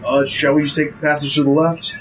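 A man's voice: a little high, fast. A man playing in a tabletop game, chatting casually and cracking jokes. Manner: joking, lively banter. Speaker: player. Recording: noticeable background noise.

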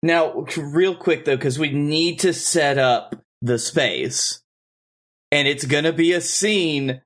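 A man's voice: a little high, slow, a bit bright. A man co-hosting a comedy podcast, riffing easily on film ideas. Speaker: podcast co-host. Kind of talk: comedic improv chat.

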